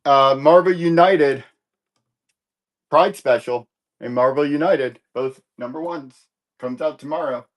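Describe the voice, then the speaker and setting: Laid-back man with a slightly high voice. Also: measured pace, pauses often. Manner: rambling and easygoing, self-correcting with light jokes. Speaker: live-stream comic book seller. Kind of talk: casual live sales stream chat.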